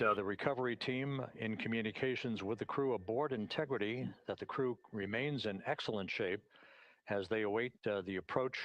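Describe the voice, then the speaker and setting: Low-voiced man on a mission control broadcast feed. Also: poor audio. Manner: measured, halting with frequent "uh". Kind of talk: official status announcement.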